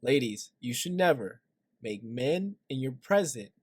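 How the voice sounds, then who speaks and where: A man's voice: medium pitch, lively intonation, measured pace, breathy edge, no room sound. Joking man giving dry, close commentary. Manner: joking, confiding asides, frequent "right?". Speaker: reaction video host. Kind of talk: casual reaction commentary.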